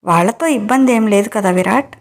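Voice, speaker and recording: A woman's voice: medium pitch, brisk, lightly acted. A woman voicing a wary, worried older man in a romance audio story, with an anxious, questioning manner.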